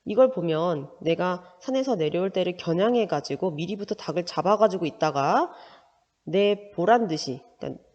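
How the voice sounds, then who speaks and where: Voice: medium pitch, expressive, normal speed, a little mellow. A Korean literature teacher reading a story aloud and explaining it, checking in with frequent rhetorical questions. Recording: dull lo-fi sound with long reverb.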